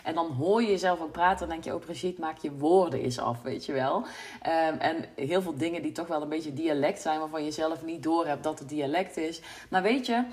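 A woman with a Brabant Dutch accent and a low voice talks through her work on her own podcast. She is candid and reflective, and she pauses on frequent ums and uhs. It sounds like a casual solo monologue. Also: darkish tone. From Brabant, Netherlands. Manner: reflective, candid, many fillers. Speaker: podcast host, business coach.

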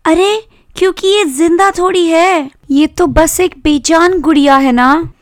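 A woman voicing a young girl who tenderly protects her rag doll, in a high cooing voice. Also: unhurried, no room sound, studio quality. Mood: tender coaxing.

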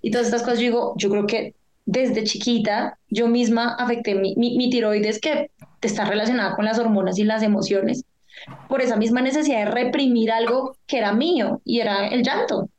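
A woman's voice: fairly high pitch, normal speed. A woman, chatting candidly and emotionally as a podcast co-host. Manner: emotional, candid, animated storytelling. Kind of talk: casual chat.

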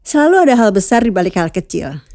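A woman's voice: mid-range voice, sing-song, quick pace, a little mellow, dry recording, studio quality. A middle-aged woman chatting casually about the cats she keeps, musing aloud and dropping in English words. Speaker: cat owner vlogger. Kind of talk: casual chat.

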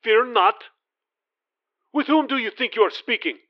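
A man's voice: extremely high pitch, animated, takes it slowly, no echo, muffled recording, voice pushed up, full character voice. A man voicing a commanding prince who speaks just above a whisper and turns cold and imperious. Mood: menacing. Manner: hushed then cold and imperious.

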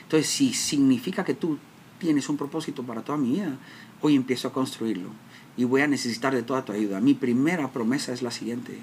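A man's voice: mid-range voice, a little fast, darkish tone, a little hiss or hum. A man from Guatemala with a Guatemalan accent, telling his life story in an emotional, dramatic way, often breaking off and restarting. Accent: Guatemalan Spanish. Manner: emotional, self-interrupting, dramatic retelling. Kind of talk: personal storytelling talk.

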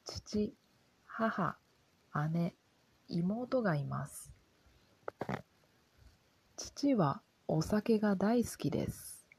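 A soft-spoken woman reading a simple lesson for language learners in a calm, gentle, careful way. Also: medium pitch, very slow, gravelly, long pauses, slight background noise, low-quality recording. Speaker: Japanese language teacher.

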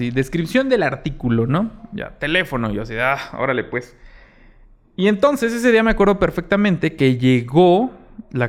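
A young man with a Mexican accent hosting a podcast, telling a story in a casual way and acting out what people said. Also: fairly high pitch. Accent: Mexican Spanish. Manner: animated, acts out quoted exchanges, many fillers. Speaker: podcast host.

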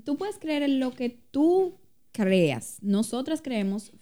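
Reflective woman co-host, warm mellow voice, personal and questioning. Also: high voice, sing-song, slow. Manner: reflective, asks questions, shares personal experience. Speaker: podcast co-host. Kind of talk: casual faith talk.

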